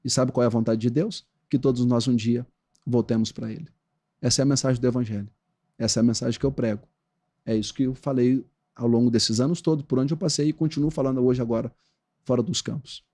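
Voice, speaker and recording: Brazilian male pastor, podcast guest, preaching rhythm, mid pitch. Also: fast talker. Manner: animated preaching cadence. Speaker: pastor and former footballer. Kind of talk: podcast interview.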